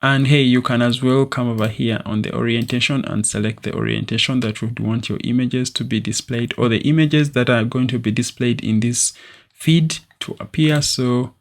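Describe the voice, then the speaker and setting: This screen-recorded software walkthrough comes from a young man seated at a desk in a small room. His voice is medium in pitch and normal in speed, and he explains steadily with a filler here and there.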